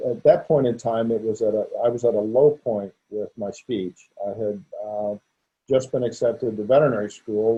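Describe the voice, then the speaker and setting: A veterinarian in his sixties, a guest in a conversational interview, talks openly while stuttering through repetitions and restarts. His voice is mid-range with a dark tone, and the audio is dull and lo-fi.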